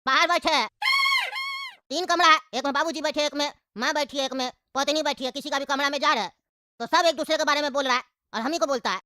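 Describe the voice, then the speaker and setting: A woman's voice: high voice, fast talker, bright, forceful tone, no echo, clean studio sound. A woman voicing a fed-up, henpecked married man, complaining at length about family fights in a comic cartoon. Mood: grumbling. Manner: whiny, complaining, exasperated.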